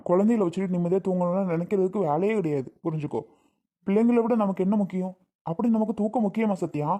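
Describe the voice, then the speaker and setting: A woman's voice: medium pitch, warm tone, close to an everyday voice. A woman voicing a young husband who lectures and reasons with his wife, repeating her name, in a family comedy skit.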